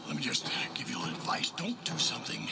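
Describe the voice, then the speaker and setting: A stern, threatening authority. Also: male voice, medium pitch, very animated, fast, vocal fry, loud music behind the voice. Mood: stern warning. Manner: confrontational, warning. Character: stern, threatening male authority in a family feud. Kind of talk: wrestling backstage drama.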